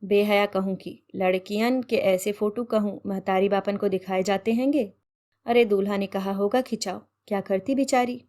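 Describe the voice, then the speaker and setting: A woman's voice: mid-range voice, steady tone, moderate pace, darkish tone, close to an everyday voice. Woman voicing a strict old mother-in-law. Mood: scandalized. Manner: scolding, rustic turns of phrase.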